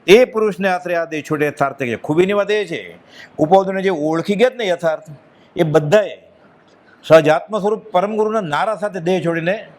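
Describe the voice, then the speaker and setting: A man's voice: on the high side, darkish tone. A man giving a devotional discourse with a Gujarati accent, earnest and emphatic, dropping his voice when quoting others. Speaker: spiritual speaker.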